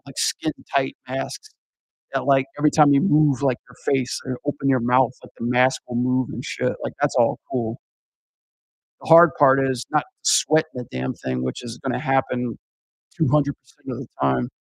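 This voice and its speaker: Man, gravelly, creaky, rambling, profane, lots of fillers, casual chat, dry close sound. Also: medium pitch, dry recording, low-quality recording. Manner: rambling, profane, heavy use of filler words. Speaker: podcast guest recounting a haunted house job.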